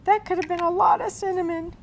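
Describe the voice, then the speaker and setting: Here a cooking host talks fast in a very high, creaky voice with fairly even intonation, tossing folksy asides into each step of a casual demo. Raised on Cape Cod and partly in Berlin with her US military family, she's recorded with noticeable room noise behind her.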